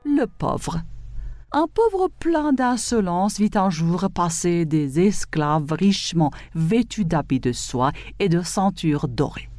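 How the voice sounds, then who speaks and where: A woman reading old fables aloud in slow, expressive narration. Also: lowish voice, soft background music.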